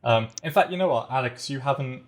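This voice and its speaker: A man's voice: medium pitch, a little fast. Amused man hosting improv games. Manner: amused, directs scenes. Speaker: podcast host, improv game leader. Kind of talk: casual improv podcast hosting.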